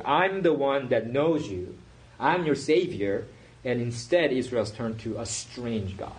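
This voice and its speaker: Low-voiced male preacher teaching casually. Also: a little mellow, a little hiss or hum, rough recording. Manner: conversational teaching with fillers and restarts. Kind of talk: sermon.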